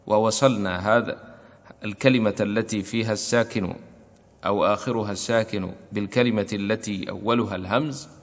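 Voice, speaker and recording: A man teaching a recitation lesson in a deliberate, explanatory manner, slowly repeating his examples. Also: on the low side. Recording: long hall reverb.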